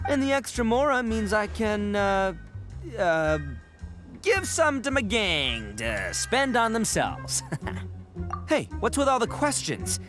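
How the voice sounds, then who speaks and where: A loud cocky gang boss, stumbles over words, voice jumps around, music under it. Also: male voice, high voice, sing-song, slow pace, exaggerated voice. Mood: boastful. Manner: blustering, stammering, laughing between words. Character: brash young male gang boss, boastful and goofy. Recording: game cutscene audio with music behind.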